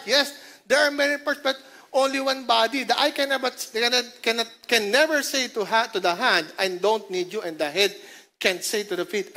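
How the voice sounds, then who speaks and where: A woman's voice: high-pitched, a bit bright. A woman pastor with a Filipino accent preaching a sermon. She mixes languages, jokes with the congregation and keeps asking them to answer. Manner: mixes languages in quick phrases. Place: church service.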